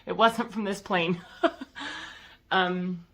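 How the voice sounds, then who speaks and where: A woman casually recounting a personal spiritual experience to her viewers, rambling and halting with lots of fillers. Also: lowish voice, steady tone, fairly bright tone. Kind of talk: casual first-person storytelling.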